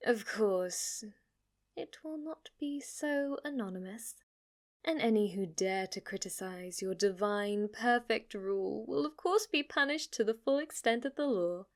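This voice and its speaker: Devoted yet calmly menacing, a woman voices a fixated demon maid in close ASMR roleplay, addressing her master with reverent, zealous, flirtatious submission and occasional breathy whispers. Her mid-range voice sounds natural and moves at a measured pace.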